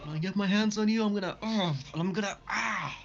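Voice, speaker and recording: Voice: medium pitch, quick pace, creaky, voice pushed up, lightly acted. A player voicing a sputtering, foiled villain who stammers out blustering threats in a tabletop role-play. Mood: sputtering frustration. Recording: dull lo-fi, music behind.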